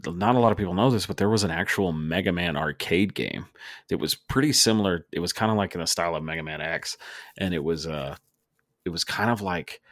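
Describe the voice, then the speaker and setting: Really deep voiced podcast dude, rambles and laughs a lot, dry mic. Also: male voice, a bit bright, no echo. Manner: rambling, laughs often, many restarts. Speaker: podcast co-host. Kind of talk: casual chat.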